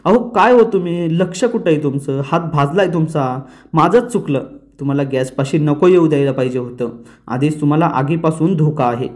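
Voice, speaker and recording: An anxious middle-aged wife who frets and chides, as a man reads her lines. She sounds worried and reproachful. The voice sits a little high. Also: normal speed, a little mellow, natural voice. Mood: worried, chiding. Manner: worried, chiding.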